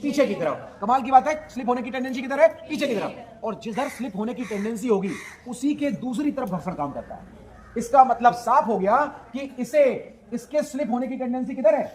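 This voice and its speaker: A man's voice: very high-pitched, brisk. A man teaching a physics lesson. He asks his students questions, answers them himself, and stresses his points with energy. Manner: lively, emphatic explaining.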